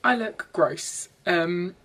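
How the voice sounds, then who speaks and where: A young woman doing a chatty, self-deprecating makeup vlog in her bedroom, sometimes breaking into excited squeals. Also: lowish voice, slow pace, over music. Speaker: beauty vlogger. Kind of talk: chatty get-ready-with-me vlog.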